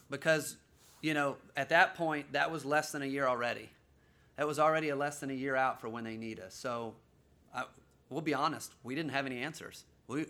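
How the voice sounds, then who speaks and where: An earnest man shares a family decision in casual conversation. His voice is bright and forward, and he talks haltingly and restarts often. He sits at a middle pitch for a man. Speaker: father sharing a family's mission call.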